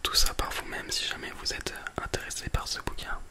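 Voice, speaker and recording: An ASMR host sits close to a binaural mic, presenting a book and a film in a soft, breathy library whisper. The delivery runs a little fast.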